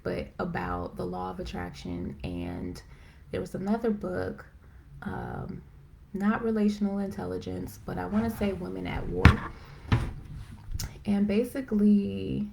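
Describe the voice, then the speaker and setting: A woman hosting a live stream, chatting casually and excitedly with lots of fillers, rambling as she goes. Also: lowish voice, vocal fry, slight background noise. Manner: excited, self-described as talking fast. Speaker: host of a live video chat. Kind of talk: casual faith-based chat. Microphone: phone or computer for a live stream.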